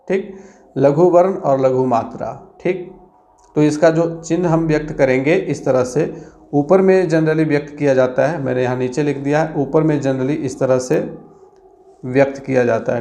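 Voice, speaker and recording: A man's voice: mid-range voice, warm tone. A man teaching an exam-prep grammar lesson, counting syllables aloud and checking in with "theek hai" after each point.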